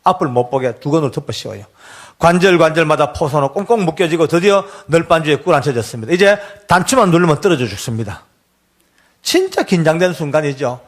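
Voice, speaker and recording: An older man stands before a congregation as a church elder and tells his story. He speaks earnestly and with deep feeling. His voice sits a touch high for a man. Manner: earnest, deeply emotional storytelling. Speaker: church elder giving testimony. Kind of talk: emotional testimony sermon.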